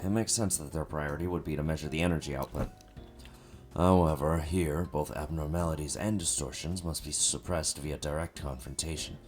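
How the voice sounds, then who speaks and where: Brief: man playing a coolly condescending researcher, very deep, measured and dry. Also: steady tone. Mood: formal.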